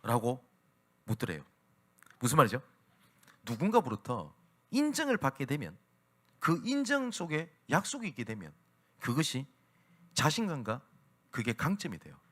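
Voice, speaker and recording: Animated male pastor preaching with sweeping pitch. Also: normal speed, pauses often. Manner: animated preaching, acting out quoted speech. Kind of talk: Sunday sermon. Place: church worship service.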